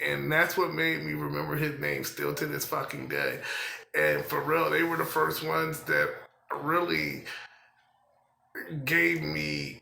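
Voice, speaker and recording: Slow gravelly man. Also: fairly high pitch, sharp tone, reverberant, a little hiss or hum, poor audio. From Philadelphia, US. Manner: halting and profane, many fillers. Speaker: person telling his life story. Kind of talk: personal storytelling.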